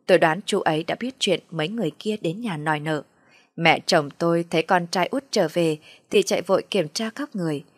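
A woman reading a first-person family story in a steady, reflective narration. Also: lowish voice, dry recording.

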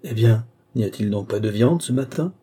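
Man reads a booming, husky old squire, indignant bluster, audiobook. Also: expressive, moderate pace. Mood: hearty, blustering. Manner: loud, blustering, exclamatory. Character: boisterous hearty older country gentleman, man.

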